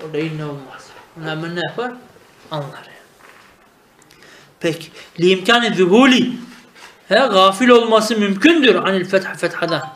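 A man's voice: sits high, expressive, normal speed, long pauses, fairly bright tone, roomy sound. A man teaching Arabic grammar in a traditional lesson, asking questions and answering them himself. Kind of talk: traditional madrasa-style lesson.

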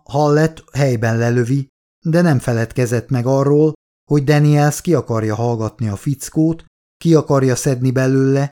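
A man narrating an audiobook in a steady, measured reading style, voicing characters' quotes quietly. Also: medium pitch.

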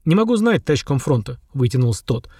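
A man reading the part of a dutiful army commander who answers his superior with formal, crisp reporting. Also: medium pitch, very animated, fast talker, dark tone, no echo, studio quality.

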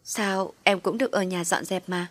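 Woman doing a gentle reassuring husband. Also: fairly low pitch, fairly even intonation, normal speed, dry recording. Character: calm, reassuring young husband.

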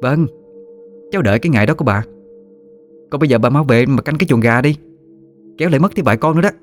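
A man voicing a sharp-tongued young village aunt who answers back briskly. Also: mid-range voice, lively intonation, soft background music, voice pushed up, natural voice. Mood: retorting. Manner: brisk, retorting.

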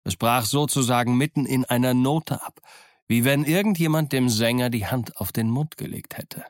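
A man narrating a classic adventure story in the first person, measured and dramatic. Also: medium pitch, dry recording, clean studio sound. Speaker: audiobook narrator.

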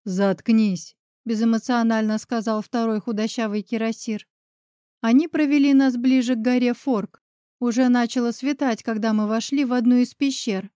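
A woman reading a first-person fantasy story aloud in an expressive storytelling way, close to the mic. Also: on the high side, moderate pace, no room sound. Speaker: audiobook narrator. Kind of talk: scripted fantasy narration.

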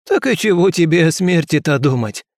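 A man voicing a rough, hoarse middle-aged drunk who talks in coarse, mocking folksy speech. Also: fairly high pitch, expressive, moderate pace, no echo, studio quality, voice pushed up. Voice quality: hoarse, crow-like.

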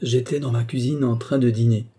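A man's voice: medium pitch, fairly even intonation, brisk, dark tone, husky, close to an everyday voice. A man voicing a chatty old female country servant, telling her story in a breathless, exclamatory way, for an audiobook. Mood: gossiping.

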